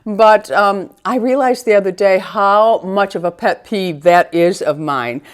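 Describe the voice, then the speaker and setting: A middle-aged woman with a medium-pitched voice chats as a beauty vlogger. Her delivery is conversational and rambling, in a casual get-ready-with-me style aimed directly at her viewers. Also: unhurried, clean tone.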